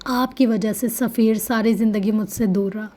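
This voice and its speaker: A woman voicing a bitter, vengeful young woman who shouts and then goes cold and clipped, in a storybook reading. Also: a little high, steady tone, natural voice. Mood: furious.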